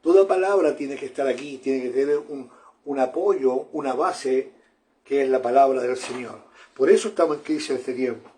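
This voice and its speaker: A man's voice: mid-range voice, moderate pace, mellow, slight background noise. A man, preaching a sermon in an earnest manner, often repeating phrases and calling his listeners brother.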